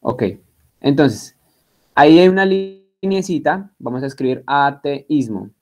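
Guy giving a bible class, chatty and jokey, spells words out slow, keeps asking if everyone's got it. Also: on the high side, expressive, vocal fry. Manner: spells words out and checks students follow along; chatty and joking, with many restarts. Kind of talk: classroom lecture.

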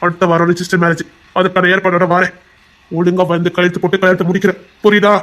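A man's voice: sits high, flat delivery, fast talker, fairly bright tone. A man playing a desperate young heart doctor. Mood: threatening. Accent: Tirunelveli Tamil. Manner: pleading, insistent, turning threatening. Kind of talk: audio drama acting.

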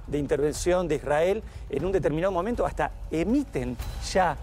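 A man's voice: on the high side, expressive, a little fast, a little mellow. A man explaining events on a live TV news panel. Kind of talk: live studio panel discussion. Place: TV news studio.

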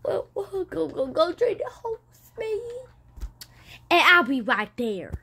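A woman's voice: extremely high pitch, very animated, slow, vocal fry, bright, forceful tone, pitched above the performer's own voice, full character voice. A young woman voicing a chatty old woman who gets emotional easily. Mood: gushing. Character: chatty, weepy old woman at a horse trading lesson.

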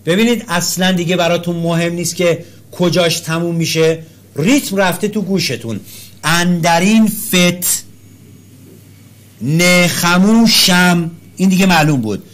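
A man teaching a class in a slightly higher-pitched voice, calling on students one by one and praising their answers. He often slows right down to chant syllables and show the rhythm. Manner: praises and calls on students by name.

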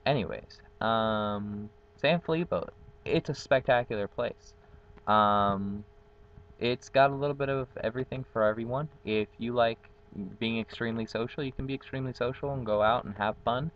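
A young Guatemalan man, a native Spanish speaker who works as a college dorm community facilitator, introduces himself in a chatty, upbeat vlog with many ums. He's framed close on a built-in webcam mic, outdoors on a patio with trees. His voice is medium in pitch at a moderate pace, and the audio is dull.

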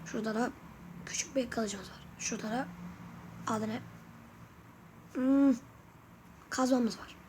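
High-voiced chatty woman gaming YouTuber. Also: measured pace, pauses often, a little mellow, slight background noise. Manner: chatty, keeps addressing viewers, asks for comments. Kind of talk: casual gameplay commentary.

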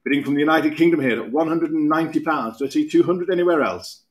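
A British man in his thirties calls bids from an auction room podium. His delivery is brisk and repetitive, with quick asides between prices. His voice sits slightly higher than most men's. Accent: British English. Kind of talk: live auction calling.

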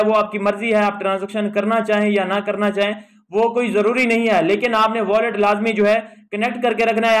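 A man hosting a tutorial video, talking through an app step by step in a voice-over and padding nearly every phrase with the same filler. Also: high-pitched. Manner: fills almost every phrase with a habitual filler; steady explaining tone, step by step. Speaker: YouTube tutorial host. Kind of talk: screen walkthrough voice-over.

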